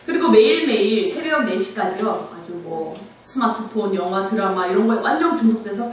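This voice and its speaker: A young woman giving a personal faith testimony to an audience, telling her story in an animated way and acting out her own shouts and laughs. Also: medium pitch, a little hiss or hum. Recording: very echoey hall from far off.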